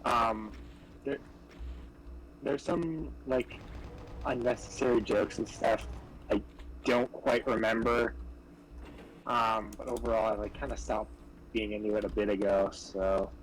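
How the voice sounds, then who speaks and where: A man's voice: lowish voice, fairly even intonation, unhurried, long pauses, a little hiss or hum, poor audio. A young man chatting casually on a podcast, hesitant and full of fillers as he explains things. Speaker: podcast co-host. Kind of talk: casual chat.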